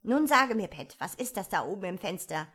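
A woman voicing an agitated, bossy male rabbit who scolds his servant in sharp shouts. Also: medium pitch, sing-song, a little fast, husky, full character voice. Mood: angry.

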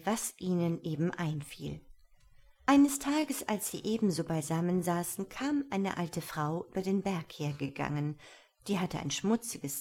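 A woman reads a fairy tale aloud in a calm, even way. Her voice sits a little low for a woman. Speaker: storyteller.

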